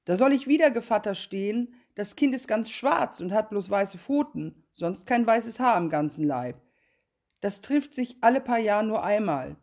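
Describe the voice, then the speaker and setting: A woman's voice: medium pitch, animated, moderate pace, a little mellow, pitched above the performer's own voice. A woman voicing a sly, greedy female cat who sweet-talks in a fairy-tale reading. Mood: coaxing. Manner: sweet-talking, coaxing, then curt.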